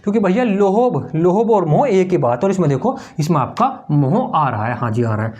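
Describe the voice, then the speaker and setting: A man's voice: sits high, sing-song, moderate pace, darkish tone. A man of teaching exam memory tricks, repeating each answer as a question-and-answer drill while writing on a board. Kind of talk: mnemonic tricks lesson.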